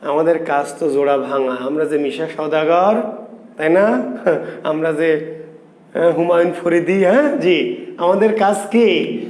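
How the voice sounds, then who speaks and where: A man's voice: a little high, unhurried, long pauses, a little mellow, reverberant. A man teaching grammar, playful and teasing, quizzing students by name. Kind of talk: online grammar lesson.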